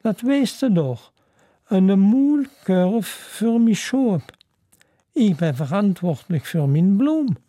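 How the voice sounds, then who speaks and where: A storyteller voicing a gentle, earnest little prince, a small boy, speaking plainly and a little pleadingly. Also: mid-range voice, expressive, takes it slowly, no room sound, clean studio sound.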